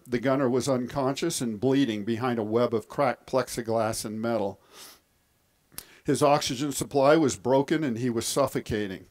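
A man who is an author and speaker, giving a scripted historical presentation in a measured storytelling delivery. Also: medium pitch, a little mellow.

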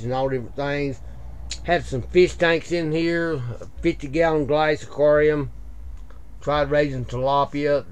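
A man giving a casual walkthrough of his small greenhouse, plain-spoken and listing things with frequent "uh" pauses, recorded on a head-mounted camera. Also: on the high side. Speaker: video creator giving a greenhouse tour. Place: small greenhouse at night, indoors. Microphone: head-mounted action camera.

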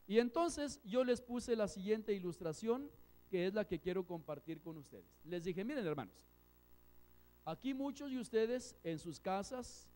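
High-voiced preaching man. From Mexico. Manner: storytelling, emphatic with sudden loud and soft swings. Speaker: pastor. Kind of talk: sermon. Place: church hall.

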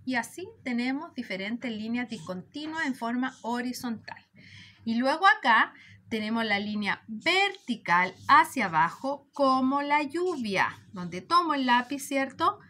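A woman teaching preschoolers, patient and warm, stretching out syllables as she counts them. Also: fairly high pitch, big pitch swings, unhurried. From Chile. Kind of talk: slow lesson for young children.

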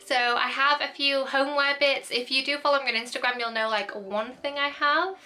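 A young woman chatting excitedly to camera in a thrift haul vlog, gushing and rambling, with faint music behind her. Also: high-pitched, brisk. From United Kingdom.

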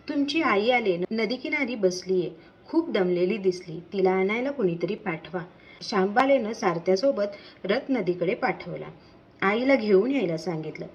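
A woman tells a devotional folk tale in a measured, rhythmic storyteller's voice. Her pitch sits at an ordinary middle, and the recording sounds slightly dull and muffled. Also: a little mellow. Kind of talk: scripted religious story narration.

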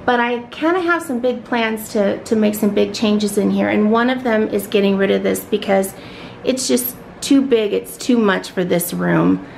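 A woman's voice: mid-range voice, normal speed, creaky, a little hiss or hum, poor audio. A middle-aged woman chatting casually through a tour of her home office, filming on a handheld camera with lots of ums. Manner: chatty, filler-heavy, fond of her things. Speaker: home vlogger.

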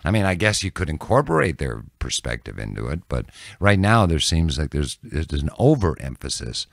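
In a small, dim podcast room, a close boom mic picks up an older news anchor and reporter in his sixties with no echo at all. His extremely deep, fry-laden voice comes through dry as he reflects candidly and haltingly in a relaxed interview.

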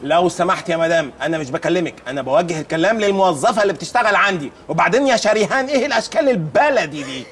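An actor playing a pompous, fussy office manager with an Egyptian accent, scolding in shrill outbursts. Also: male voice, lively intonation, racing, hardly any pauses, fairly bright tone, slight background noise. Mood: stern. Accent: Egyptian Arabic. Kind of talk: sitcom acting.

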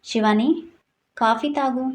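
A woman voicing a gentle, caring older mother-in-law who soothes the family in a read-aloud story. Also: a little high, slow pace.

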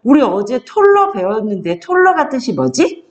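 A woman tutoring a child one-on-one, coaxing the child along and reading sentences out slowly before explaining them. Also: extremely high pitch, big pitch swings, creaky, highs cut off.

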